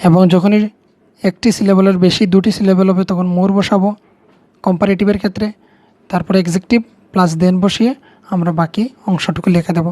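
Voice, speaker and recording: A woman's voice: medium pitch, fairly even intonation, brisk, mellow, no room sound. A woman with a Bengali accent, patiently explaining English grammar to students step by step, repeating key words. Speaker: teacher.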